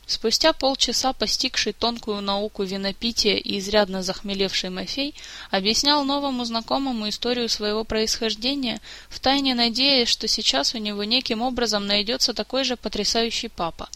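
A woman narrating a fantasy novel aloud in a measured storytelling way. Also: on the high side, bright, forceful tone. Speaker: audiobook reader. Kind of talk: scripted narration.

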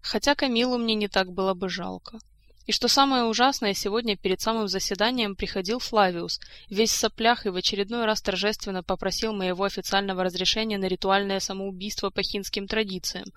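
A woman's voice: mid-range voice, steady tone, fairly quick, fairly bright tone, close to an everyday voice. A woman voicing a grieving, despairing adult king who speaks in long, weary, bitter outpourings.

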